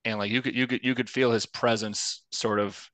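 A man, a former college player, telling lively stories as a podcast guest. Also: mid-range voice, moderate pace, dry recording. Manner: lively storyteller. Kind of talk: casual podcast chat.

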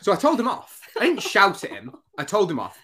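A man's voice: sits high, huge pitch swings, fairly quick, pushed and bright. A man co-hosting a casual podcast, telling rambling stories with fillers and a bit of swearing. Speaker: podcast co-host. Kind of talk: casual chat.

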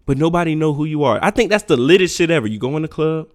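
This podcast host goes on an unfiltered solo rant, lecturing in a blunt, profane manner. His fairly high voice swoops with lively intonation, and he talks fast.

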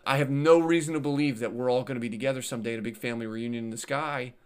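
A man's voice: mid-range voice, fairly even intonation, racing, clear, resonant tone. A man talking as a guest in a casual interview, telling stories earnestly, often repeating and restarting words and laughing lightly as he goes. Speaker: podcast guest.

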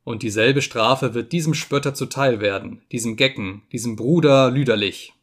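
A man's voice: medium pitch, moderate pace, a bit bright, lightly acted. A man voicing a furious old friar who rants and quotes scripture, in an audiobook reading. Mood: enraged. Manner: ranting, quoting scripture.

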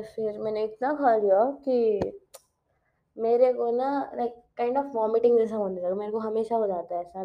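The recording is muffled, and the young host's voice is fairly high. She's a teen chatting casually on her own show at home, laughing often and mixing in bits of English.

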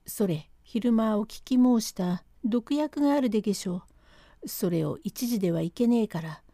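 A woman voicing an excitable rustic male servant who talks in thick country dialect, reading a classic comic storytelling text aloud. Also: medium pitch, normal speed, dry recording, clean studio sound, lightly acted. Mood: urgent.

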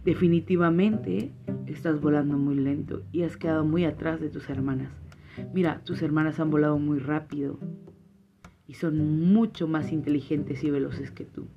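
A woman's voice: sits low, fairly even intonation, normal speed. A woman from voicing a scheming, envious male fox in a spoken fable, coaxing and mocking. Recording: slightly muffled, faint guitar music.

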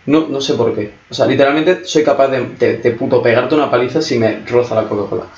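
A young man in casual chat, relaxed and joking, swearing often. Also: mid-range voice, fast. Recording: echoey room, dull lo-fi sound.

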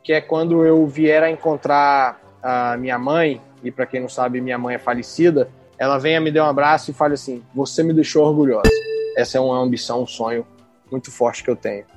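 A man's voice: mid-range voice, fairly even intonation, a little fast, soft background music. A man with a Bahian Brazilian accent, chatting informally and with slang as a podcast co-host. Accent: Bahian Brazilian Portuguese. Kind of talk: casual chat.

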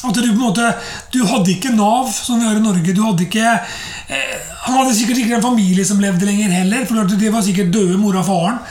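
A woman's voice: medium pitch, roomy sound, a crowd in the background. A woman giving a conversational sermon, chatty and loose, full of fillers and rhetorical asides. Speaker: preacher.

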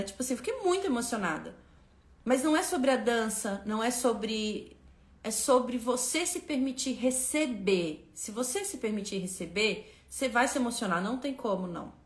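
A woman's voice: a little high, reverberant. A woman hosting a spiritual lesson on a live stream, speaking fervently and emphatically, repeating phrases and turning to her viewers.

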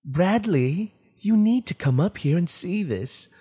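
A man's voice: high voice, animated, a little slow, warm tone, husky, pitched above the performer's own voice, exaggerated voice. A man reading a horror story, voicing a sly, menacing rabbit-like monster with steel teeth in a taunting, mock-friendly, sing-song way with an uncanny, strained timbre. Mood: commanding.

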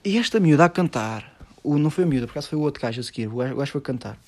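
A man's voice: mid-range voice, expressive, racing, darkish tone. A man with a European Portuguese accent hosting a solo podcast, ranting sarcastically and profanely about a TV show. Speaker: podcast host.

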